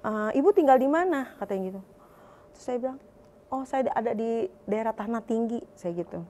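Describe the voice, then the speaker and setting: A woman telling her personal faith testimony in an emotional, heartfelt way, her voice climbing higher as she recounts her prayers. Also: animated, fairly quick, dark tone, a little hiss or hum. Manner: emotional, voice rising high when recalling prayers. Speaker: testimony speaker.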